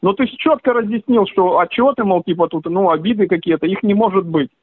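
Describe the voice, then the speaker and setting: High-voiced male caller on a phone line. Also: fast, dry recording. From Russia. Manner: agreeable, rambling, many hedging filler phrases. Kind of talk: casual phone conversation. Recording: tinny, dry phone line.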